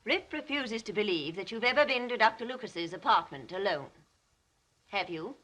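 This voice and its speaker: An actress playing a domineering, coldly scheming wealthy older sister in a 1930s film melodrama, with an imperious, clipped, insinuating manner. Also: female voice, mid-range voice, expressive, normal speed, fairly bright tone. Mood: sly, cutting.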